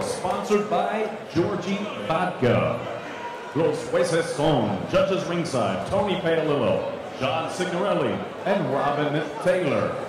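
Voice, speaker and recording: A man's voice: high-pitched, recorded from a distance. A man working as a ring announcer in a theatrical, ceremonious lucha libre style, stretching out names in formal bilingual boxing introductions. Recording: echoey noisy arena PA from afar, crowd.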